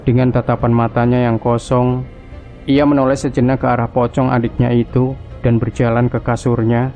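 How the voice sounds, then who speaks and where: A man narrating a scripted horror story in a hushed, creeping, suspenseful manner. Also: medium pitch, lo-fi sound.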